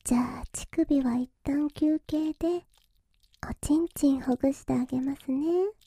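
A woman voicing a teasing young masseuse who tends to a hero, speaking in a soft breathy whisper with a slow, coaxing, giggly manner. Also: sits high, no echo. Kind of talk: whispered ASMR roleplay.

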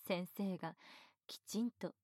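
A woman voicing a teasing, domineering female teacher in a whispered roleplay, speaking in a soft, breathy, bossy way. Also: fairly low pitch, a little slow, no echo, clean studio sound. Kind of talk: erotic ASMR roleplay.

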